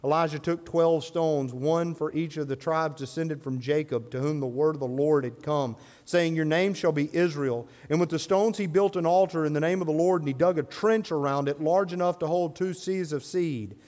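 A man's voice: fairly high pitch, normal speed, hardly any pauses, darkish tone. A man, a pastor, reading scripture aloud and then preaching a sermon to his congregation. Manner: builds to raised, emphatic preaching. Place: church sanctuary. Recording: long hall reverb.

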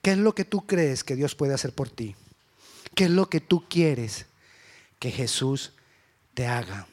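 Man preaching a sermon, high voice, fervent, repeats himself, asks questions. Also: animated, a little slow.

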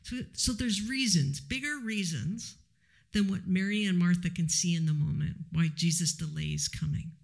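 A male preacher delivers a sermon in a measured, reflective way, pausing as he teaches. His voice sits high for a man and has a gravelly fry running through it.

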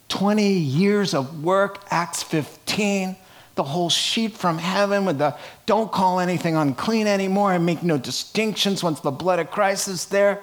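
High-voiced Brooklyn man preaching. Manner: emphatic, acts out imagined dialogue in asides. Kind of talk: conversational Bible-teaching sermon.

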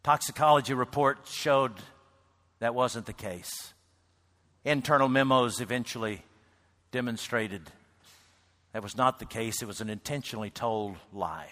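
A man preaching a sermon to a congregation, swinging between loud calls and near-whispered lines. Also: medium pitch, measured pace, long pauses. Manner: builds to loud shouts, then drops to a hush. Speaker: pastor. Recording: reverberant hall.

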